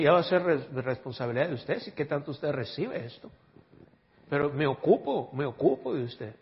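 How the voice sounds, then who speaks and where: A pastor preaching a sermon, emphatic and calling on the congregation for responses. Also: male voice, a little high. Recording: dull audio with long hall reverb.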